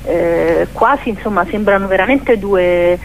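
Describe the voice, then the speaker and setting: Woman, mid-pitched, radio host, halting reflective questions, frequent pauses, humming noisy background. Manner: hesitant, searches for words, many pauses. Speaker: radio interviewer. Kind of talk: reflective literary interview.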